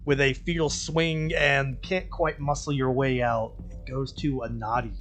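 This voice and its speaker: A man's voice: mid-range voice, fairly even intonation, a little slow, fairly bright tone. A man running a tabletop game as game master, giving terse rulings and short bits of combat narration.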